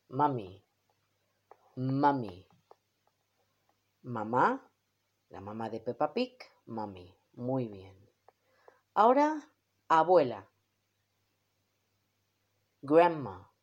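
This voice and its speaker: Teacher from doing a kids vocab lesson, slow and patient, voice goes way up and down. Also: medium pitch, breathy edge. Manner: patient, repeats each word slowly for the child; encouraging, praises often. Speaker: English teacher for children.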